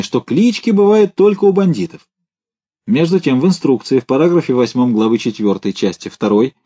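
A man's voice: a little high, warm tone, pitched above the performer's own voice. A man voicing a pedantic, fussy male bureaucrat who protests in a whining, near-tearful voice.

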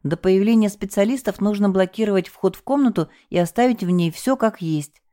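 A woman's voice: mid-range voice, brisk, dark tone, voice pushed up, natural voice. Woman playing a stern no-nonsense woman. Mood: firm. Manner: firm, clipped. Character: stern no-nonsense woman insisting on proper procedure.

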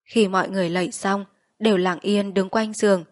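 Steady woman reading a story aloud. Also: mid-range voice, no echo. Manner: measured, steady narration. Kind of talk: audiobook story narration.

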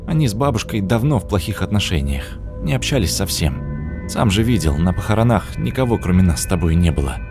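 A man reading an audiobook, voicing a sad young woman in a softly raised voice. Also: deep voice, sing-song, brisk, over music. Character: sad young woman visiting her late grandmother's house.

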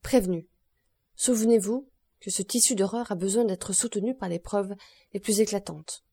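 A woman's voice: mid-range voice, moderate pace, mellow, slightly rough. Woman reading a stern male court president. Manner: stern, questioning.

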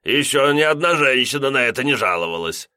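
A man's voice: medium pitch, animated, brisk, sharp tone, smooth, no room sound, studio quality, pitched above the performer's own voice. A man voicing a drunk, giggling heavyset lodger who talks in a silly, drawling way. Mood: tipsy.

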